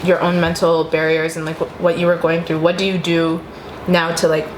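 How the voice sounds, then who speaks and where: A woman's voice: fairly low pitch, little pitch movement, moderate pace. A young woman in a casual, reflective conversation, speaking tentatively as she searches for her words. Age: young adult. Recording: echoey room with faint background noise.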